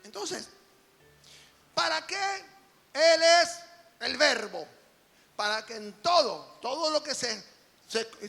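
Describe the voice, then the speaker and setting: A man preaches an emphatic sermon in a high, gravelly voice. His tone is bright and forceful, and he swings between quiet stretches and shouted peaks. The sound carries the long reverb of a large hall. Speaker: apostle preaching.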